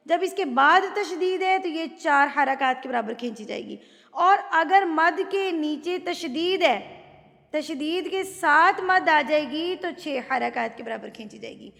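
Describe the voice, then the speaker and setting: A woman teaching a Quran recitation lesson, explaining rules patiently and chanting words in long drawn-out tones. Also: high-pitched, animated, gravelly, fairly bright tone. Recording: long hall reverb.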